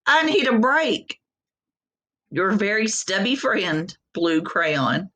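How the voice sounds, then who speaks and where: A woman's voice: mid-range voice, big pitch swings, slow pace, bright, forceful tone, heavily acted. A woman voicing a weary, stubby little crayon in a storybook, politely complaining and tired.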